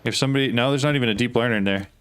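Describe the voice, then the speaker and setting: A man's voice: medium pitch, very fast, noisy background. A man streaming a game, thinking aloud in casual talk and often asking puzzled questions. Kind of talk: casual live gameplay talk.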